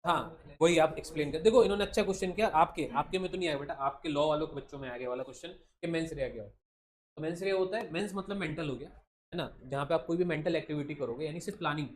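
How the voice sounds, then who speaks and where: Fast-talking Indian man teaching law in class. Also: on the high side, a little hiss or hum. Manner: joking, animated, addresses students as beta, many tag questions like thik hai. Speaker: law entrance coaching teacher. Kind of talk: classroom lecture in Hindi mixed with English legal terms. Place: classroom with students.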